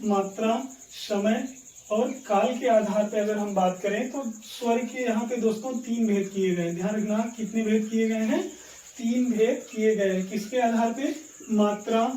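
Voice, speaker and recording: A Hindi grammar teacher with a mellow, warm tone drills each point again and again, firing quick quiz questions back at the viewers. The voice sits back from the mic in an echoey room. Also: mid-range voice, distant mic, slight background noise. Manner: keeps calling the viewers friends. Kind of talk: online grammar lesson.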